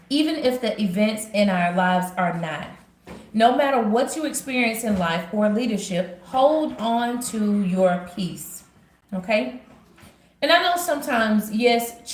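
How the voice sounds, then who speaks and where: A woman from Georgia with a Southern accent, chatting to viewers in a casual devotional vlog. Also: medium pitch. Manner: chatty, talks straight to viewers. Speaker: vlogger. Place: at home. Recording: roomy home recording.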